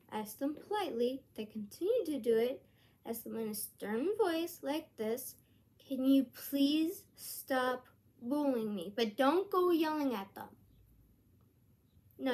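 A woman's voice: high-pitched, darkish tone. A woman vlogging to her channel in a rambling, earnest way, full of hesitant restarts. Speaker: YouTuber. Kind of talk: casual vlog monologue.

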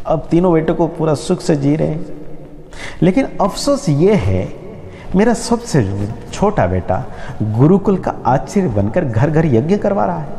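A man's voice: fairly high pitch, creaky, warm tone, in a large hall, a little hiss or hum, voice pushed up. A man voicing an aging father who complains bitterly about his youngest son and scolds his wife.

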